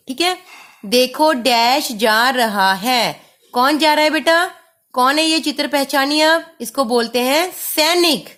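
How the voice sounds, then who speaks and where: Woman, primary school teacher, high voice, patient, syllable-by-syllable lesson for kids. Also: a bit bright. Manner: patient, sounds out syllables slowly, calls pupils "beta". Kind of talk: online class lesson for young children.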